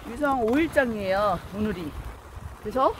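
Masked woman vlogging, high lively voice. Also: normal speed, slight background noise, low-quality recording. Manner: chatty, talking to herself and the camera. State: talking through a face mask. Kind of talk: casual vlog commentary while out skating and shopping. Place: outdoor market.

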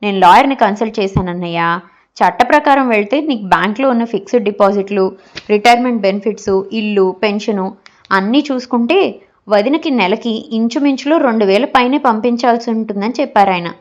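A woman's voice: mid-range voice, a little fast, natural voice. A woman voicing a crafty, greedy younger brother who talks his older brother round in a storybook reading. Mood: persuasive. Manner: persuasive, scheming.

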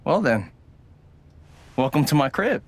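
A man's voice: fairly high pitch, sing-song, measured pace, a little hiss or hum. An actor playing a young adult man who jokes with and teases his sibling in easy banter. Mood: playful. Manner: joking and teasing, warm banter. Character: teasing, goofy young adult brother. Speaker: older brother.

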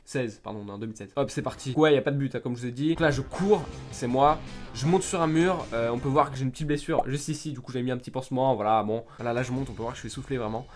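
A man's voice: mid-range voice, fast talker, darkish tone, soft background music. A young man, a gaming YouTuber, casually commenting on his old videos in a jokey, self-mocking way, laughing often and swearing casually into a desktop mic. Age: young adult.

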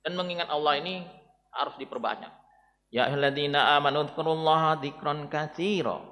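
A man preaching a dawn sermon to a mosque congregation, swinging between loud exhortation and hushed, tender calls. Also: a little high, moderate pace, big-room sound. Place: large mosque.

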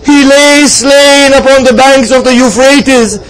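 In a poor-quality recording, a man with an extremely high voice preaches a mournful devotional sermon in story form, reciting a religious lament. His intonation stays fairly even and his pace a little slow, while his delivery is solemn, impassioned and dramatic, punctuated by plaintive cries.

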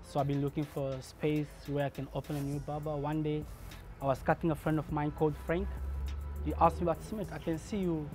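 A man in his thirties from Congo talks through how he became a barber, earnest and unhurried. His voice sits slightly on the high side for a man. Soft music plays faintly beneath him. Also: flat delivery. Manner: earnest, measured, acts out remembered dialogue. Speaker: barber and shop owner. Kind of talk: documentary interview, personal story.

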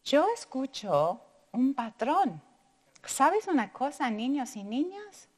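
A woman teacher reading a storybook to children, expressive and asking them questions as she goes. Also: sits high, slow. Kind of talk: storybook read-aloud for children.

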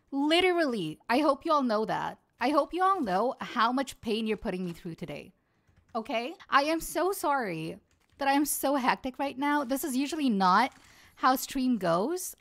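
A young woman streaming a game live, swearing, jumpy and panicky, trash-talking her opponents. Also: fairly high pitch. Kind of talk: live gaming stream commentary.

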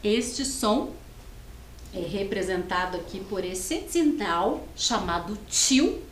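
A woman teacher leading a televised first-grade lesson, reading slowly and sounding out words syllable by syllable in a sing-song way. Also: mid-range voice, expressive, a little hiss or hum. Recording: echoey studio with faint ambience.

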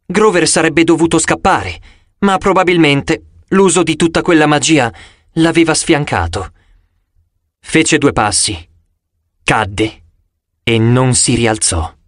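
A man's voice: on the high side, dry recording. Male audiobook reader, dramatic delivery, dry close sound. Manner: dramatic, expressive reading with sudden loud cries. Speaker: audiobook narrator. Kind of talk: scripted audiobook narration.

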